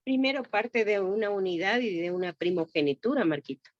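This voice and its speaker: A woman in a Bible study on a video call, explaining her point with some halting. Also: mid-range voice, expressive, no echo. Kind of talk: class discussion. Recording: dull, dry video call audio.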